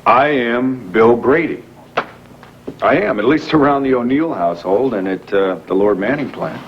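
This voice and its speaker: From a worn VHS copy of a 1980s daytime soap, an actor plays a wealthy young businessman confessing that he posed as a factory worker. He explains himself earnestly with halting fillers in a medium-pitched voice, and the taped TV broadcast sounds muffled and hissy.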